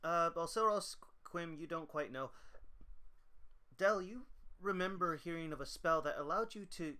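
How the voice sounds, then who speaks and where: A man narrating as game master in a tabletop game, animated and laughing between his descriptions. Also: a little high, normal speed, clean tone.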